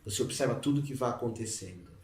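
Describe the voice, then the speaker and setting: A man teaches meditation in a relaxed, conversational manner and now and then breaks into chanted syllables. His voice sits in the middle range. He sounds a little distant from the mic, in an echoey room. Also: medium pitch, fast. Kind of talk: informal spoken teaching.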